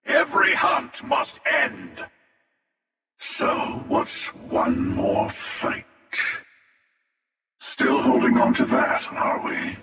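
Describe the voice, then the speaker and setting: An actor playing a menacing, arrogant, world-weary hunter villain in a video game, with a gravelly voice and a deliberate, sardonic delivery. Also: male voice, medium pitch, wildly swooping pitch, pushed and bright, exaggerated voice. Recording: echoey, long reverb, distant.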